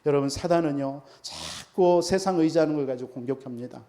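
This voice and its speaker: Pastor guy preaching hard, highish voice but mellow, keeps asking the crowd questions. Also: brisk. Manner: emphatic, asks the congregation rhetorical questions. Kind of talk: sermon.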